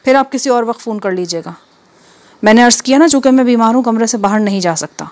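A woman's voice: fairly high pitch, close to an everyday voice. A woman reading the part of an irritable, ailing husband who grumbles and snaps sharply. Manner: grumbling, sharp-tongued, fussy. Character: ailing irritable middle-aged husband, Mian.

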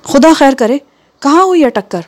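A woman reading the part of a calm, practical mother who steadies a worried relative and gives orders at home. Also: high voice, pitched above the performer's own voice. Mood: reassuring. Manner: soothing yet firm.

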